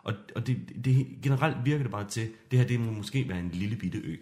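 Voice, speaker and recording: A man hosting a podcast as game master, narrating an improvised adventure in a hushed, suspenseful way. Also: lowish voice.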